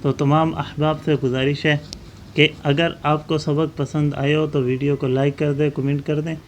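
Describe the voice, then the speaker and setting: A man teaching Quran recitation, chanting verses slowly and then explaining tajweed rules briskly. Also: a little high, little pitch movement, a little hiss or hum. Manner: alternates slow drawn-out recitation with brisk explanation.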